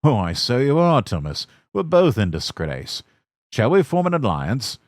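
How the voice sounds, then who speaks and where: A grand, booming male engine from a storybook who chortles and pronounces, put on by a man reading. The voice moves widely in pitch. Close and dry, with no room sound. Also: wildly swooping pitch, unhurried, darkish tone, no room sound. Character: big proud grand male express engine. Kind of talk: storybook character voice.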